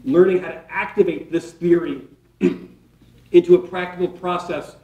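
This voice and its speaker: A man giving a keynote workshop presentation, lively and playful, firing questions at the audience and dropping sarcastic asides. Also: high voice, unhurried, narrow, tinny audio. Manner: energetic, asks the audience questions. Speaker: keynote speaker. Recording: roomy hall, mic from a distance.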